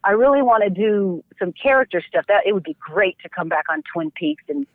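A woman's voice: mid-range voice, animated, fairly quick, dry recording. A woman actress and dancer talking in a chatty, effusive way as a guest in a phone interview. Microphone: telephone. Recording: tinny dry phone line.

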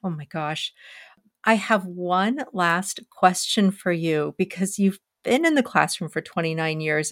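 A woman hosts the conversation in a somewhat low voice, heaping on praise. Her questions wander and run long. The sound is dry and close with no room around it. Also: dry recording. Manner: warm, effusive praise, asks long rambling questions. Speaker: podcast host interviewer. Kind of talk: conversational interview.

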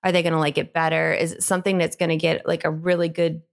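A woman's voice: low voice, flat delivery, quick pace, vocal fry. A woman co-hosting a podcast, chatting casually with many fillers. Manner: friendly, rambling with many fillers. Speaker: podcast co-host and park reporter.

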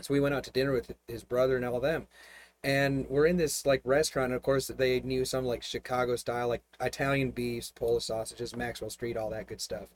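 A man in the host's chair, a pastor, sharing a meandering story at an easy pace. His voice is of middle pitch, loose and friendly in manner, broken often by laughter. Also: fairly quick. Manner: rambling, relaxed storytelling with frequent laughs. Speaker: host and pastor. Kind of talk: casual conversation.

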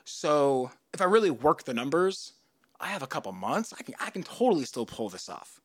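A man in his thirties hosting a podcast, telling a story in a casual, animated way and jumping into loud, high voices for the people he quotes. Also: normal speed, no room sound, studio quality. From United States. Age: 30s. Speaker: podcast host.

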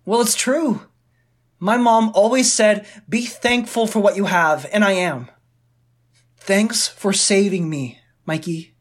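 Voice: mid-range voice, slow pace. A woman voicing Billy, a timid, earnest boy of about nine, in a table read of a screenplay. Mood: grateful.

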